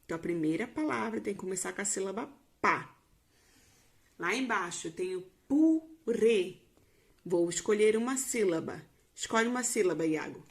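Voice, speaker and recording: A Brazilian woman teacher explaining a lesson slowly to young children in a recorded remote class. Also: medium pitch. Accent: Brazilian Portuguese.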